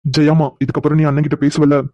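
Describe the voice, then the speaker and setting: A man's voice: on the high side, monotone, fast talker, dark tone, no echo, close to an everyday voice. A man voicing several middle-aged brothers in a cartoon, pleading and emotional as they ask their sister for forgiveness. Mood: tearful. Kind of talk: cartoon voice acting.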